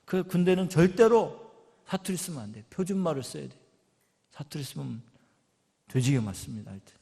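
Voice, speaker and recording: A man's voice: a little high, animated, normal speed, gravelly, warm tone, slightly rough. A male pastor with a Chungcheong Korean accent preaching a sermon, telling stories with animation and acting out quoted voices. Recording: long church reverb.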